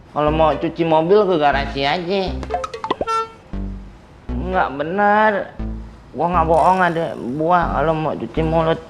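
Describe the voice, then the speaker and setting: Drowsy absurd grumbler, deadpan film comedy, unhurried delivery, loud music. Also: male voice, on the high side, highs cut off. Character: drowsy, grumbling man woken at night, rambling absurdly.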